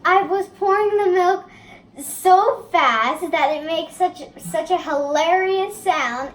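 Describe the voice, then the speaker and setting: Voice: very high voice, slow pace. A child co-hosting a casual cooking demonstration in a home kitchen. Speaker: cooking video host. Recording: roomy kitchen echo, background noise.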